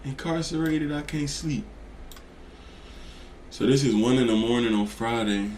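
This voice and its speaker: A man's voice: medium pitch, measured pace, a little mellow, roomy sound, a little hiss or hum. A man teaching day trading in casual, profane talk, blunt and slangy, often asking if you get what he's saying. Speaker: trading educator.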